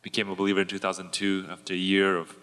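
A man from Kazakhstan, a campus minister introducing himself in a halting way, with many fillers. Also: low voice, completely flat delivery, a bit bright, long reverb tail. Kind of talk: panel introduction.

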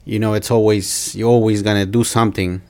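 A man with a low, smooth, resonant voice. He talks in a halting, casual way, often stopping and restarting as he answers questions. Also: little pitch movement, a little mellow. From Mexico. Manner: hesitant, halting, with many fillers and restarts. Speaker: restaurant owner, guest. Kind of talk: casual interview.

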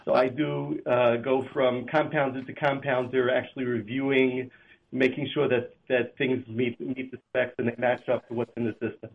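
A man on a speakerphone call, a kosher supervisor at a flavor plant, speaking in a halting way as he searches for words. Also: mid-range voice, little pitch movement, vocal fry. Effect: phone on speakerphone. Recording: tinny phone line.

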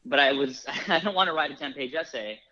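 A man's voice: mid-range voice, brisk, sharp tone, dull audio. A young man from Los Angeles telling stories casually, with many likes and restarts. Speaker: film producer. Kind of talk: casual storytelling.

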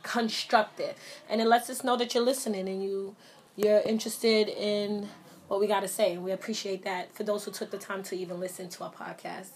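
A woman's voice: mid-range voice, fairly even intonation, a little fast, a little mellow, slight background noise. A young woman co-hosting a podcast in loose, casual chat, laughing often. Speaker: podcast co-host.

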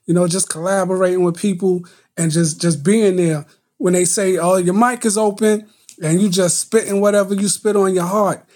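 Laid-back male poet with a mellow voice. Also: high voice. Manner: relaxed, halting with restarts. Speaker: guest poet. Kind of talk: casual chat.

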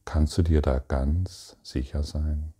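A man giving a calm, meditative spiritual talk, speaking to the listener directly and asking probing questions in halting phrases. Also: very deep voice, slightly rough. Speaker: spiritual teacher.

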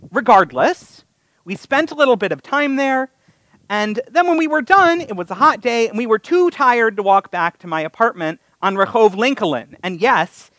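His voice sits high and slightly bright, on a rough recording with no echo. He's a North American-accented rabbi giving a chatty, story-based sermon at a live synagogue service, with wry humour at his own expense.

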